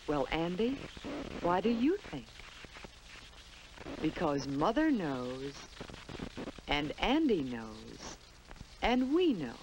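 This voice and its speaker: On an old film soundtrack, an American woman narrates a 1950s instructional film for young children, using a simple storytelling delivery. Her pitch is fairly low, and the poor audio carries a little hiss or hum.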